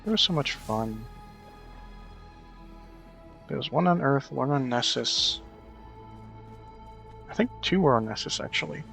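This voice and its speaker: A man's voice: medium pitch, animated, unhurried, creaky, pauses often, fairly bright tone, soft background music. A man streaming a game, rambling and correcting himself as he thinks aloud. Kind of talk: casual gameplay commentary.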